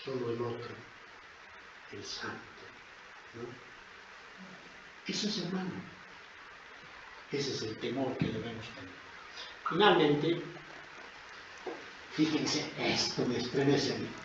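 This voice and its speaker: Emphatic preacher in an echoey church. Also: male voice, mid-range voice, animated, slow, long pauses. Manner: emphatic, swings from soft to loud. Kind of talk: sermon. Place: church hall. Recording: echoey church, dull lo-fi sound, noisy.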